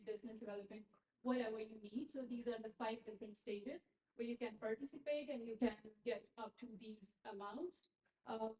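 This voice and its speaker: Woman, conference talk, halting, highish voice, mellow tone, roomy dull audio. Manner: halting, with many fillers. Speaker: conference speaker presenting a blockchain company. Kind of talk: presentation talk. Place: event venue.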